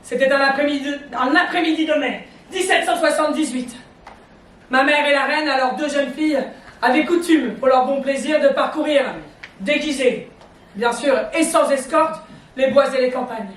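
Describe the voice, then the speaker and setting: A woman's voice: high voice, moderate pace, lightly acted. A woman playing an imperious, menacing male prime minister in a historical stage drama, declaiming pompously. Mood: smug. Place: theatre stage in Paris. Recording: echoey theatre, distant microphone.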